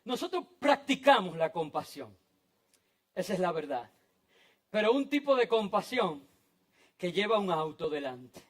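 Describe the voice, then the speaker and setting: A man preaching a sermon in a church, dramatic, swinging between loud outbursts and hushed, near-whispered lines. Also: high-pitched, very animated, unhurried, pauses often. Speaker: pastor.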